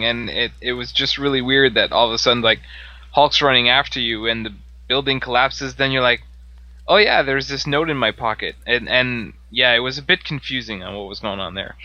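A man's voice: medium pitch, bright, forceful tone, dry recording, poor audio. A man co-hosting a podcast, reviewing a comic in a hesitant way with many restarts. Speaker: podcast co-host. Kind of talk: casual comic book discussion.

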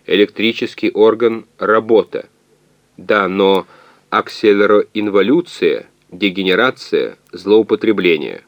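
A man reading an audiobook, voicing a translating calculator machine that speaks in slow, clipped, monotone word fragments. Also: on the low side, dry recording. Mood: flat, halting.

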